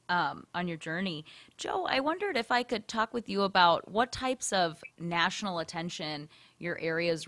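A woman's voice: on the low side, fairly bright tone. A woman hosting an interview, encouraging her guests as she moves to the next question. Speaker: host.

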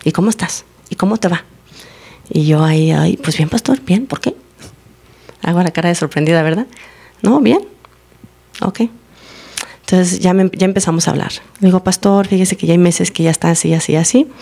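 Woman, church testimony sermon; low, gravelly tone; animated storyteller who acts out dialogue. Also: normal speed, pauses often. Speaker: church member giving a teaching. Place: church service, recorded live.

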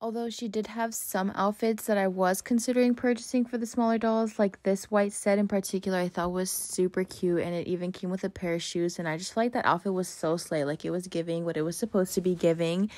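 A woman's voice: mid-range voice, steady tone, a little fast, few pauses, a little mellow. A young woman narrating a shop-with-me doll vlog in a chatty, enthusiastic voice-over with casual slang. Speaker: doll collector vlogger.

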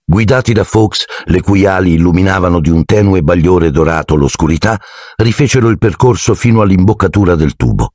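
A man narrating an audiobook in a dramatic, expressive reading. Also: low voice, fairly quick, dry recording, studio quality.

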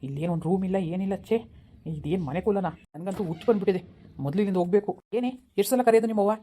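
Guy playing a cranky young husband in a village drama, grumbling fast, super dark warm tone. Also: high voice, slight background noise, close to an everyday voice. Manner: complaining, quick, heated. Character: irritable young newlywed husband. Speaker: actor in a village family drama. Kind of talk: everyday village drama acting.

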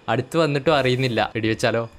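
A man with a Malayali accent giving casual, joking commentary on a game he is playing, breaking into loud excited yelling when the action heats up. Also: mid-range voice, heavy background noise. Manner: chatty and joking, bursts into loud excited yelling during fights. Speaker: gaming channel host.

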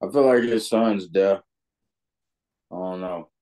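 A young man co-hosting a casual review chat, excitable and profane. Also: sits low, slow pace. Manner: excitable, profane, laughs a lot. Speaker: co-host.

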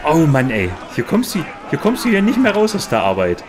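A man's voice: on the high side, wildly swooping pitch, fairly quick, a loud crowd. A man giving casual let's play commentary, grumbling and chatting with himself and his viewers.

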